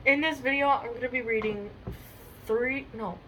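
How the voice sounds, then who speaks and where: A young woman with a fairly high voice reads a children's storybook aloud at an unhurried pace, chatting and dropping plenty of fillers between pages. Background noise can be heard. It's a mix of casual chat and read-aloud storytelling.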